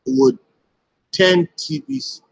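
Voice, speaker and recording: A man with a somewhat husky, slightly high voice talks through a live broadcast to his community. He keeps posing rhetorical questions and answering them right away, in a steady explanatory tone. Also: takes it slowly, low-quality recording.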